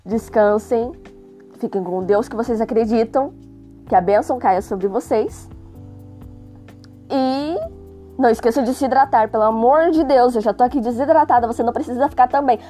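High-voiced young Brazilian woman with sore throat. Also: fairly quick, warm tone. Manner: chatty, joking, self-deprecating, exaggerated exasperation. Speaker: host reading a magazine aloud. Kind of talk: casual informal narration with asides. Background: music.

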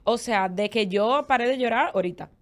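A young adult woman with a Dominican Spanish accent, co-hosting a casual chat and telling candid, expressive stories. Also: on the high side, brisk. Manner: candid, expressive storytelling with lots of fillers. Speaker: podcast co-host.

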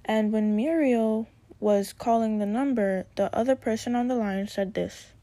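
Unhurried and mellow, a young woman with a slightly high voice hosts a casual talk. She describes her fears and a cartoon with chatty, vivid detail.

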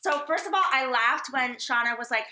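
A woman co-hosting a podcast in casual chat, animated and chatty, often interrupting herself. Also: high voice, a little fast, a little hiss or hum. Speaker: podcast co-host.

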